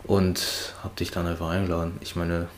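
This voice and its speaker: A man's voice: low voice, little pitch movement, normal speed. A young man from Germany in casual chat with an old school friend, speaking hesitantly with many fillers, recorded at home.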